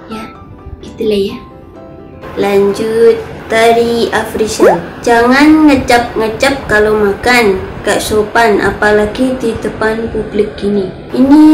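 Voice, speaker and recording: A woman in her twenties with a Javanese accent, chatting casually as a vlogger while reading viewer comments, cutesy and a bit defensive. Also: on the high side. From Central Java, Indonesia. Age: 20s. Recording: echoey room, faint music behind.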